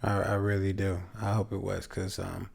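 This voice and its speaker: A man's voice: low voice, vocal fry, breathy edge. A man co-hosting a relationship podcast in casual, joking chat. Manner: slow, relaxed, joking. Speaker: podcast co-host.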